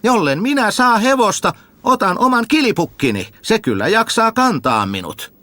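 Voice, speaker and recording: A man voicing a simple, cheerful peasant boy who shouts with glee about his finds. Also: high-pitched, no echo, voice pushed up, full character voice. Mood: gleeful. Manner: shouting, gleeful, excited.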